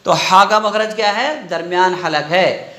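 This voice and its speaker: A man's voice: high voice, bright, forceful tone, echoey room. A man teaching a Quran recitation lesson, quizzing students with repeated questions and drawing out letter sounds. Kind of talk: call-and-response tajweed lesson.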